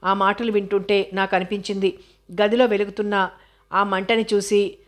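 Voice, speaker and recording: A woman narrating an audio novel in a steady, measured storytelling manner. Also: medium pitch. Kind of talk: scripted narration.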